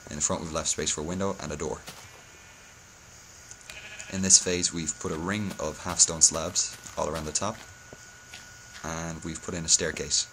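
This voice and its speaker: A man's voice: a bass voice, steady tone, moderate pace, long pauses, noisy background. A hungover man giving a casual game-building tutorial, speaking hesitantly and often correcting himself. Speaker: video tutorial host.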